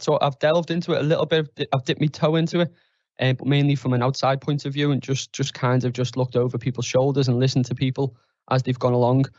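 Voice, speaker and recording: A young man with a Liverpool accent talks easily about his new job and keeps his answers modest and candid. His voice sits at an ordinary pitch. The recording is dry and a little dull, as on a lo-fi podcast mic. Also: a little mellow, no room sound. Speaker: guest, tech trainer. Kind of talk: casual interview answers. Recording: dry, slightly dull lo-fi sound.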